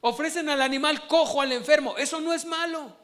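A man's voice: very high-pitched, brisk. A man preaching a sermon, asking his congregation questions as he goes. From Mexico. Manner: animated, asks the congregation questions.

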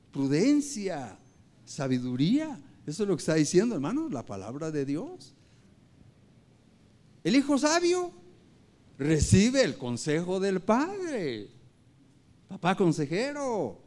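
A man delivers a sermon, his slightly high voice swinging widely in pitch and loudness for emphasis. He speaks directly to the congregation, calling them brothers and parents. Scripture quotes come out with rising force. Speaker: preacher.

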